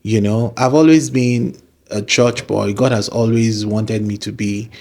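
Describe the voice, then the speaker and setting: A Nigerian man, a musician and the guest in an interview, telling the story of his career in a relaxed, animated way. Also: lowish voice, unhurried. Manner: animated storyteller, acts out quoted voices.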